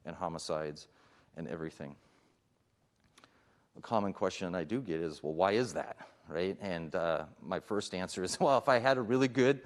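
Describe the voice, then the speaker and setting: A middle-aged man, a police chief, giving a conversational presentation at a public forum, with frequent fillers and restarts. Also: sits low.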